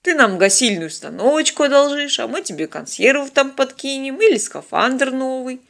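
A woman's voice: sits high, animated, moderate pace, vocal fry, fairly bright tone, pitched above the performer's own voice, exaggerated voice. Woman narrator doing a laid-back cheeky pilot guy, easy and casual. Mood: breezy. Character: easygoing young male pilot, cheeky joker.

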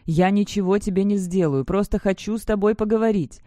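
A woman's voice: mid-range voice, fairly quick, mellow, dry recording, studio quality, natural voice. Remorseful immortal Strigoi man, read by a woman. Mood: urgent. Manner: urgent, calling out.

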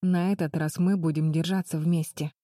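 A woman's voice: sits low, fairly even intonation, normal speed, dark tone, no echo, clean studio sound, natural voice. A woman voicing Betty, a determined eldest sister who urges the others firmly. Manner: firm, urging, through clenched teeth.

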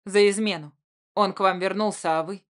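A woman's voice: mid-range voice, fairly even intonation, moderate pace, natural voice. A woman voicing Zhenya, a blunt, angry adult man who argues defensively.

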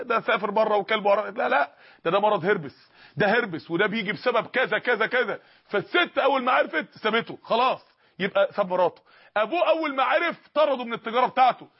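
A man preaching an impassioned Islamic sermon in Egyptian Arabic, telling stories to the congregation and shouting at the peaks. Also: extremely high pitch, slightly rough. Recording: dull lo-fi recording.

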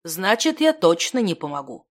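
A woman's voice: on the low side, big pitch swings, normal speed. A woman reading the lines of a gloomy, cryptic old male wizard in a dry, reproachful manner. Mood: grim. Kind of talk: audiobook character reading.

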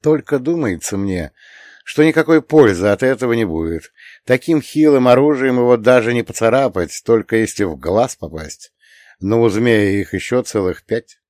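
A man's voice: medium pitch, lively intonation, moderate pace, a little mellow, dry recording, clean studio sound. A man narrating a first-person fantasy audiobook in a wry, conversational way, with the occasional curse.

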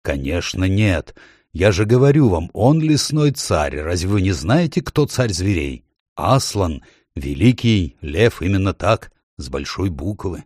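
A man voicing Mr. Beaver, an earnest gruff beaver. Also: sits low, big pitch swings, unhurried, darkish tone, no room sound, studio quality, full character voice. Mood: indignant. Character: gruff kindly male beaver, earnest and blunt. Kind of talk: audiobook character voice.

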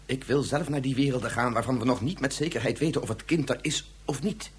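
An actor in a Dutch radio drama plays a scientist and father who is guilt-ridden yet determined. He speaks earnestly, measured and insistent, in a husky mid-range voice.

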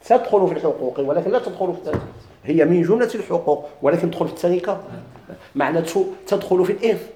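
رجل بلهجة مغربية يلقي درساً في الفرائض، يكرر المصطلحات ويسأل طلابه. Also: male voice, high-pitched, lively intonation, very fast, mellow, roomy sound. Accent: Moroccan Arabic. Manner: repeats key terms, quizzes students. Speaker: teacher of Islamic inheritance law. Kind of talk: classroom lecture, questions and answers.

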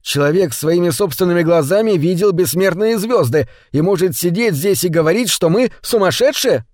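A man's voice: sits high, lively intonation, normal speed, darkish tone, no echo, studio quality, pitched above the performer's own voice. A man voicing an earnest young male officer who speaks urgently.

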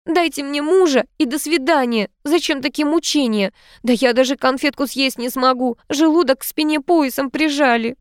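A woman's voice: high-pitched, normal speed, hardly any pauses, dry recording, clean studio sound, voice pushed up, natural voice. A woman reading an audiobook, voicing a sulky young woman who whines and complains. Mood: complaining. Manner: whining, petulant.

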